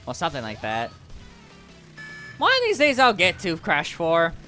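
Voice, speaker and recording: A chatty male streamer giving casual gameplay commentary. His pitch swings around a lot as he reacts and corrects himself. His voice is bright and forceful, with faint music underneath. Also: wildly swooping pitch, moderate pace.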